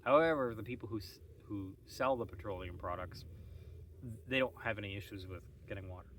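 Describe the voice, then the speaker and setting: A man's voice: on the low side, fairly quick, fairly bright tone, far from the mic, a little hiss or hum. A man hosting a casual morning vlog, musing and rambling with wry asides while sitting outdoors on a shady farm terrace. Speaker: vlog host.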